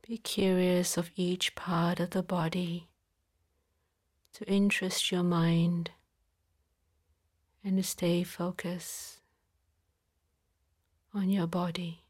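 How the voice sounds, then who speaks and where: Female meditation guide: soft, calm, slightly low and very even, unhurried, partly whispered. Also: slightly rough. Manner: slow, soft, calm with long pauses. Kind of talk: guided body-scan relaxation.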